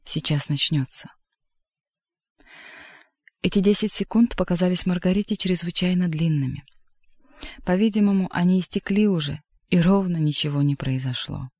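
Style: measured audiobook narration. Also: medium pitch, a little mellow, no echo, studio quality.

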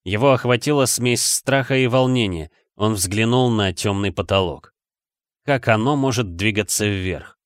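A man narrating an audiobook in an even storytelling manner on a close microphone. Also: fairly low pitch, normal speed, no room sound. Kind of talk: scripted narration.

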